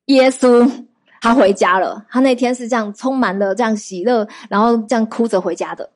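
A woman preaching, her voice sitting a little higher than most. She tells testimonies in a lively, conversational way and keeps asking her listeners questions. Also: normal speed. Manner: lively storytelling with rhetorical questions to the audience. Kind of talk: sermon.

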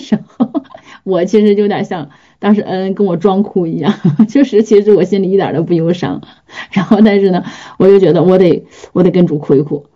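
A woman delivers a chatty sermon, lively and conversational, acting out prayers and little scenes as she goes. Her voice is very dark and mellow. The recording is dull and lo-fi. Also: mid-range voice. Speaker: preacher. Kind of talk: informal sermon.

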